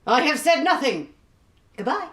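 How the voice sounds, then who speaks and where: A woman's voice: high voice, sing-song, unhurried, a bit bright, full character voice. A woman playing a flighty, forgetful spirit in a Christmas radio play, talking in a theatrical way. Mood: grand, teasing. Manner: theatrical, scatterbrained.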